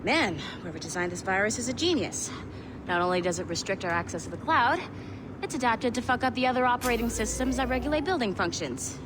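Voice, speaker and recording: An actress playing a brisk, sardonic young tech contractor who swears, in a video game. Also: female voice, fairly high pitch, lively intonation, noisy background, natural voice. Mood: wry.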